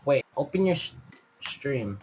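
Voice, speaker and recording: A man's voice: mid-range voice, very animated, a little slow, darkish tone, highs cut off. Gamer bro man on noisy voice chat. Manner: slangy gamer-bro talk. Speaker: gamer on a stream call. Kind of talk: casual gaming chat.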